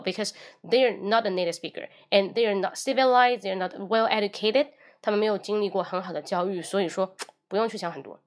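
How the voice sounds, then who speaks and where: Woman teaching English on a livestream. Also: mid-range voice. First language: Mandarin Chinese. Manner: switches between Mandarin and English, demonstrates phrases.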